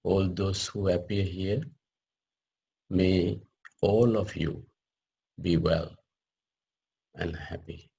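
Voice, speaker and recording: A man leads a group meditation in a low, husky, warm voice, speaking very slowly and deliberately. He sets out short phrases separated by pauses, as a teacher would, with fairly even intonation.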